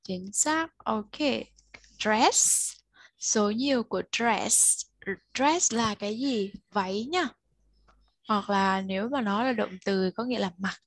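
A woman's voice: mid-range voice, slow pace, dry recording. A woman tutoring a child one-on-one, patiently explaining step by step and prompting the learner to answer. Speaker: English tutor.

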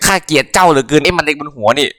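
Excitable, high-voiced young reaction host. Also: male voice, rapid-fire, big-room sound, slight background noise. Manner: loud outbursts, exclaims and addresses viewers.

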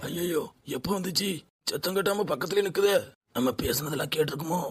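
A man's voice: on the high side, brisk, over loud music, natural voice. A man voicing a meek, harried fish seller who grumbles to himself, with a Tirunelveli Tamil accent. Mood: timid grumbling. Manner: timid, grumbling under his breath.

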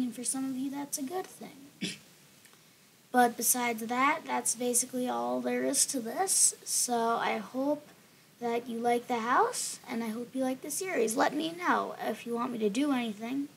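Gaming voice-over: woman, throaty and gravelly, rambly and apologetic, slightly higher pitch. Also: slight background noise, poor audio. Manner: rambling, apologetic, filler-laden. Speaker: gaming channel host. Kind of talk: casual gameplay voice-over.

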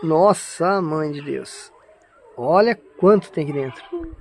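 A man's voice: fairly high pitch, very animated, takes it slowly, darkish tone. A man from Brazil filming a casual walking tour vlog outdoors at a farm zoo, exclaiming and pointing things out to his viewers. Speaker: vlogger. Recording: outdoor crowd and vehicle noise.

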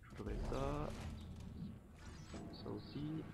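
A young man giving casual, profane commentary while playing a horror game, joking and often shouting. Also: mid-range voice, slow pace, creaky, heavy background noise. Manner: swearing, jokey, bursts of shouting. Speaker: gameplay commentator. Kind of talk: let's play commentary.

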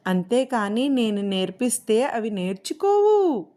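A woman doing a high chirpy kindly parrot. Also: a little slow. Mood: soothing. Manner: high, lively, gentle coaxing. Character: sweet-talking friendly female parrot.

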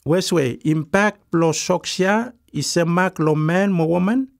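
A man's voice: high voice, unhurried, vocal fry, no room sound, studio quality. A man with a Melanesian Pidgin accent reads scripted documentary narration in island pidgin. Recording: voice-over with music behind. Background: music.

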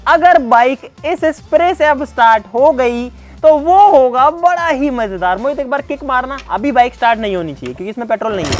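A man talking casually to viewers while he demonstrates a bike trick, calling out repeated urgent commands to a helper. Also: very high-pitched. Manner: chatty, addresses viewers as brother and guys, repeats urgent commands. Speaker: vlogger. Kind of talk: casual hands-on demo vlog.

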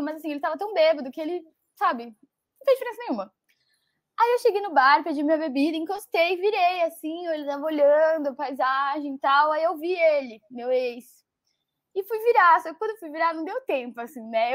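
High-voiced young woman telling a story. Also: a little fast, no room sound, studio quality. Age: young adult. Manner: animated, laughs often, many fillers. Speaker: guest storyteller. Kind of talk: casual storytelling.

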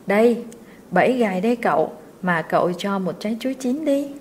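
A woman's voice: medium pitch, expressive, brisk, darkish tone, a little hiss or hum, close to an everyday voice. A woman voicing a poor servant boy in a storybook reading, earnest and pleading. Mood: eager.

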